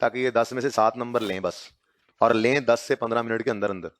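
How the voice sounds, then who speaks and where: A man with a Pakistani Urdu accent teaching accounting in a classroom, dictating notes slowly and urging his students to hurry. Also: mid-range voice, steady tone, no echo. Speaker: accounting lecturer. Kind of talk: classroom lecture.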